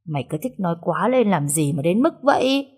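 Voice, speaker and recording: A woman's voice: lowish voice, sing-song, brisk, a little mellow, husky. A woman voicing a rebellious, blunt young master in a storybook reading, speaking curtly and defiantly. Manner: blunt, sneering.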